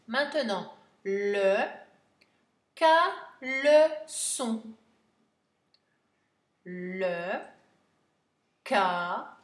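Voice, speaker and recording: A woman teacher giving a slow spelling dictation, stretching each word and spelling it out letter by letter. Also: fairly high pitch, fairly bright tone. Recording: echoey room.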